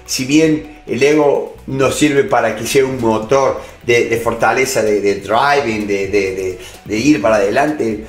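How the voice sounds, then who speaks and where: A man's voice: medium pitch, unhurried, few pauses, echoey room, faint music behind. A middle-aged man with a Rioplatense Spanish accent, giving a motivational lesson on negotiation and addressing the listener directly with many filler words. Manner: direct second-person address, frequent "este" fillers. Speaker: negotiation instructor. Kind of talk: motivational lecture.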